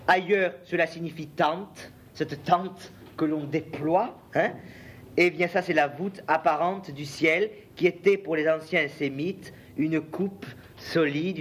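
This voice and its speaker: A man teaching a lesson, slowly spelling out Hebrew letters and vowels for his students. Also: a little high. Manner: slow, spells letters aloud, addresses students. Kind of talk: classroom lesson reading Hebrew.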